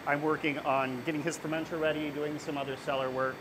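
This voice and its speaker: A man's voice: a little high, little pitch movement, fast. A man in his thirties, a brewer, talking casually and technically about brewing, with plenty of fillers. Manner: talkative, technical, many fillers. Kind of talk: casual on-camera explanation. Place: brewery floor and taproom. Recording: clear background noise.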